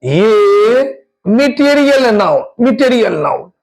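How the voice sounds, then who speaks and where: A man's voice: sits high, big pitch swings, slow, rough recording. A man teaching an exam-prep English grammar lesson, drawing out his explanations and asking his students repeated questions.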